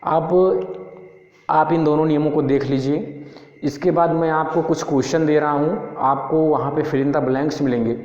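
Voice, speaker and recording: A man's voice: a little high, steady tone, a little mellow. Man, grammar teacher, asks and answers his own questions, roomy echo, muffled sound. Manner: slow, repetitive explaining. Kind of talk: Hindi-medium English grammar lesson. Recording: echoey room, dull lo-fi sound.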